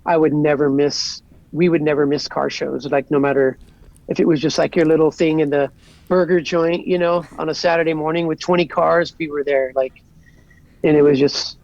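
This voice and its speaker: Laid-back 40s guy from socal, slightly high voice, dry dull lo-fi sound, lots of "like". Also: fairly even intonation, normal speed, creaky, a little mellow, no room sound. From Southern California. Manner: easygoing, rambling with lots of "like". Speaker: guest. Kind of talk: casual podcast chat.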